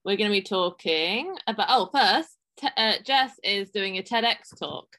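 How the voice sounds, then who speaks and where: A woman's voice: medium pitch, expressive, moderate pace, fairly bright tone. A woman co-hosting a fitness podcast, chatting casually, with a slight lisp from a retainer. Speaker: podcast co-host and fitness coach.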